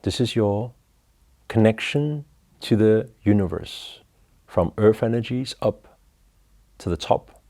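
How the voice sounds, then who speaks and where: A man leading a guided breathing meditation, talking slowly and calmly through each step. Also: on the low side, creaky. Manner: slow, calm, instructive.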